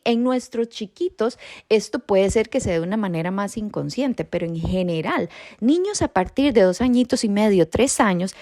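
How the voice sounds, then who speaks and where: In a fairly high, slightly mellow voice captured in a dry, studio-quality recording, a podcast host from Costa Rica teaches about bilingualism. She speaks with a Costa Rican Spanish accent in a reassuring, informal style, frequently checking in with a rising "¿sí?".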